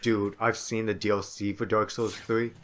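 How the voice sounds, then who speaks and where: A man's voice: lowish voice, little pitch movement, normal speed. A young man co-hosting a let's play, rambling casually with lots of filler words and playful asides. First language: English. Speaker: co-host of a gaming let's play. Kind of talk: casual gaming chat.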